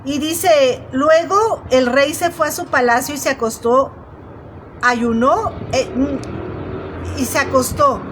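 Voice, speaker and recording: A woman preaches a sermon in a high voice. She retells the story and speaks straight to her listeners. She often stops and restarts her phrases, and a faint hiss sits under her voice. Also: slow, fairly bright tone, poor audio. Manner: storytelling, addresses listeners directly, frequent restarts.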